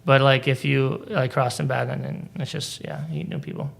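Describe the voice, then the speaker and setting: A young Polish-speaking man from Boston, a stand-up comedian appearing as a guest, tells rambling stories in casual chat, full of fillers and restarts. His voice is medium-pitched and creaky, with fairly even intonation and a moderate pace.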